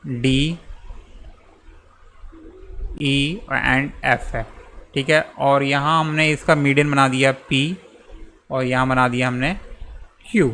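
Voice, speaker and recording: A man's voice: mid-range voice, steady tone, takes it slowly, pauses often, pushed and bright, slight background noise. A young man, patiently walking students through a geometry proof step by step, often checking in as he goes. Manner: patient, repeats and checks with "theek hai". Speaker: maths teacher.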